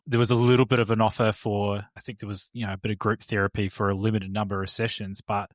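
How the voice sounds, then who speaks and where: A man's voice: on the low side, level tone, fast talker, dry recording, studio quality. A man hosting a conversational interview, feeling his way tentatively toward his questions in fragments. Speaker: interview host.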